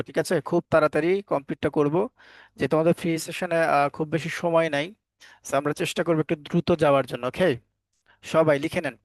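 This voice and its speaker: A man's voice: fairly high pitch, no room sound. Firm man teaching English phonics online. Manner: repeats questions to students, firm and scolding at times. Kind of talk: live online class lecture.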